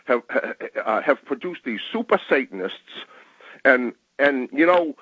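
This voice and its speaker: A man with a Boston accent calling a radio show, talking in a halting, rambling way and repeating words as he goes. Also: mid-range voice, animated, slightly rough, no echo. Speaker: radio call-in listener. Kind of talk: rambling call-in opinion. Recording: dull lo-fi call-in line.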